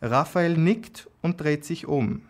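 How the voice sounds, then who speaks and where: Slow, calm male storyteller. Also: a little high. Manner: slow, calm reading with small slips and restarts. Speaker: narrator. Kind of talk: audiobook reading of an erotic story.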